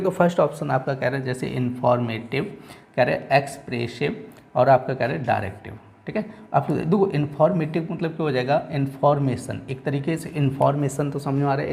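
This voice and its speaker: Gravelly-voiced male teacher. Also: mid-range voice, a little mellow. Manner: repeats answers with "ठीक है", reads questions slowly. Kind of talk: exam-prep lesson. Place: coaching classroom.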